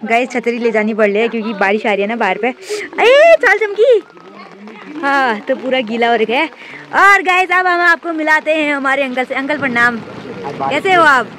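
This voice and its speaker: A woman hosts a casual family vlog from a family home in the hills on a rainy day, chatting and teasing with her viewers. Her voice sits on the high side, a little fast and sharp, with some hiss or hum and busy household chatter behind her.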